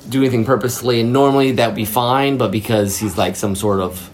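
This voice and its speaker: A man's voice: mid-range voice, quick pace, slight background noise. A man co-hosting a casual discussion, thinking aloud with restarts. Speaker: podcast co-host. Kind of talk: casual chat.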